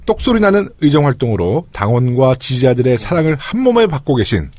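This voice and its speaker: A middle-aged man hosting a casual political talk podcast, chatty and quick in back-and-forth. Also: mid-range voice, sing-song, a little mellow, dry recording. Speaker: podcast host.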